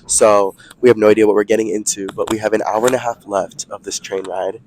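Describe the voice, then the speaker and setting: A man's voice: lowish voice, flat delivery, fairly quick, darkish tone, a little hiss or hum, poor audio. A young American man co-hosting a podcast in casual, gossipy, slangy chat full of exclamations. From US East Coast, Connecticut. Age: young adult. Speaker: podcast co-host. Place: aboard a moving train. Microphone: close podcast microphone.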